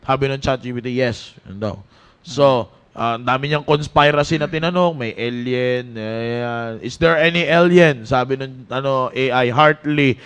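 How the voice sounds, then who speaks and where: A man's voice: mid-range voice, normal speed, clear, resonant tone. A man preaching a casual, joking sermon to young people in a church. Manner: animated, joking storyteller who breaks into laughter. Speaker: youth preacher.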